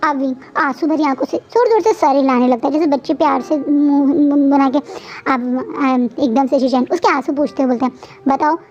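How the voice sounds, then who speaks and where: A woman's voice: sits high, fairly quick, a little mellow, muffled recording. A woman casually retelling a fan fiction story, chatty and restarting her sentences often. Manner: chatty, frequent restarts and fillers.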